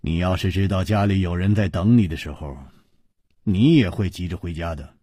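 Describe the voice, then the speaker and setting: A man voicing a calm, smiling male hero who answers softly and low, with a husky voice. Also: moderate pace, no echo, clean studio sound. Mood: gentle.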